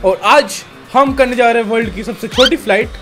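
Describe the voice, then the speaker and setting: A young man taps through a mic check, then makes a joking pilot cabin announcement. His voice is high for a man. Music runs behind him. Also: fairly quick. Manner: joking, teasing. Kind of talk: mock pilot cabin announcement while playing a flight game.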